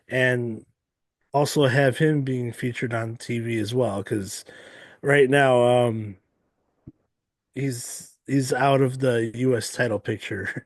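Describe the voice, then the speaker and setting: A man co-hosting a podcast in a casual chat, speaking hesitantly with frequent pauses and restarts. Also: mid-range voice, no room sound. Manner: slow and hesitant, many ums and restarts. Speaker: podcast co-host.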